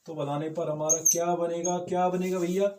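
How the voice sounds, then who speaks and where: A man's voice: fairly high pitch, little pitch movement, fairly quick, warm tone, echoey room, slight background noise. A man teaching chemistry in a casual lecture style, with motivational asides and constant rhetorical check-ins with his students. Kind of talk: informal classroom lecture.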